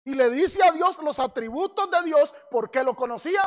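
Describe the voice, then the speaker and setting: A man preaching a sermon as pastor, animated, asking his congregation questions and building to shouted emphasis. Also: very high-pitched, moderate pace. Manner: asks the congregation questions directly.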